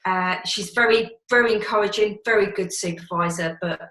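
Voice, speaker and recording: A counsellor in private practice asks a polite, measured question over a video call from a shed that gives her voice an echo. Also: medium pitch, fairly bright tone. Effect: echoey shed. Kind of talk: audience question on a webinar. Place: garden shed. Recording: echoey small room.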